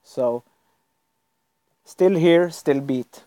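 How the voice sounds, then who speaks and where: This is casual livestream chat from a Norwegian man at his computer, a native Norwegian speaker who rambles and chuckles a lot. His voice is mellow and on the high side, he talks very slowly, and the recording is dry.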